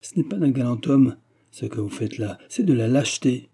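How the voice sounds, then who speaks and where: A frightened young wife pushing back with tense defiance, as a male reader puts her on. The voice is husky and somewhat raised above his low narrating register. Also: animated, moderate pace, mellow. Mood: desperate.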